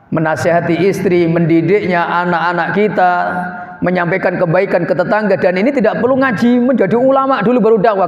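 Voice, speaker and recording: A male preacher giving a mosque sermon, explaining Arabic phrases simply and often turning to the listeners as "Pak". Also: high-pitched. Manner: keeps addressing listeners as "Pak". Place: mosque hall. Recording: echoey muffled hall recording.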